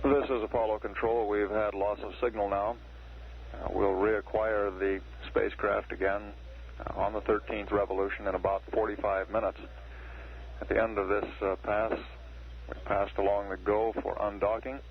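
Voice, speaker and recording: A dull archival radio broadcast carries a man announcing mission status. His voice is gravelly and very flat, measured and matter-of-fact. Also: fairly low pitch, slight background noise. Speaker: mission control public affairs announcer. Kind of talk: factual spaceflight status commentary.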